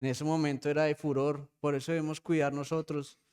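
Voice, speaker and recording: Spanish-speaking man preaching with a smooth voice. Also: on the high side, level tone, brisk, darkish tone. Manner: preaching with frequent rhetorical "¿sí?" checks; addresses congregation as brothers. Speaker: pastor. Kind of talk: sermon. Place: church.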